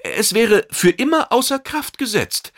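A man's voice: very high voice, sing-song, measured pace, a bit bright, dry recording, studio quality, voice pushed up, full character voice. A man voicing a diplomatic male mediator who soothes both sides in an audiobook.

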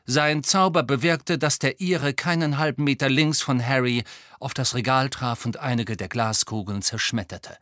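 A man narrating an audiobook in a measured, even storytelling voice. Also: mid-range voice, dry recording, clean studio sound. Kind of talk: scripted narration.

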